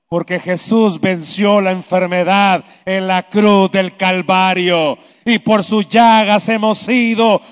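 A man preaching a sermon, swinging between loud emphatic lines and hushed low ones. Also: clear, resonant tone. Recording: echoey hall, dull lo-fi sound.

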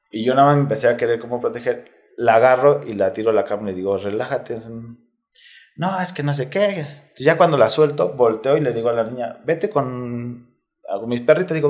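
A man's voice: mid-range voice, darkish tone. A man with a Mexico City accent, a guest in a casual interview, telling a personal story candidly and in slang, step by step. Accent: Mexico City Spanish. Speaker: interview guest, retired footballer.

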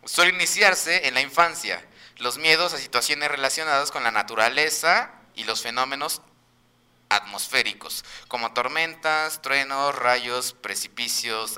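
A man's voice: medium pitch, unhurried, sharp tone, clean tone. A man with a Mexican Spanish accent, hosting a casual podcast chat, reading items from a list and cracking crude jokes. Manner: crude joking, reads items aloud.

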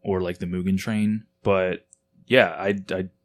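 A man co-hosting a podcast in casual chat, jokey and quick with quips. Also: low-pitched, little pitch movement. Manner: jokey, quick to throw in silly voices and quips. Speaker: podcast co-host.

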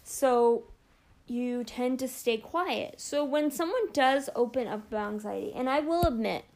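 A woman's voice: on the high side, animated, unhurried, vocal fry, darkish tone. A young adult woman hosting a podcast alone, talking casually and openly with many fillers like "you know" and "like.". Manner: open and personal. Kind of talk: casual solo talk.

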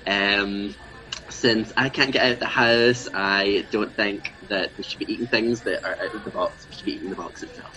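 A man's voice: on the low side, fairly even intonation, normal speed, sharp tone, a little hiss or hum, poor audio. A man from Scotland, a podcast guest in an improvised comedy chat, playful and self-mocking with hesitant fillers.

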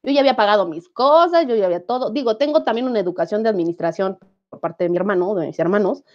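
Animated Mexican woman telling her story. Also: medium pitch, quick pace, dull audio. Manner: animated, acts out quoted dialogue. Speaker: guest. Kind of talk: casual conversational storytelling.

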